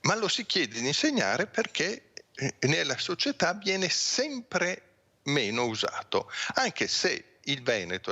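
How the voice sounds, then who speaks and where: A male linguistics professor, a guest on a morning television show, giving a measured, explanatory commentary full of reasoned asides. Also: medium pitch, vocal fry, sharp tone.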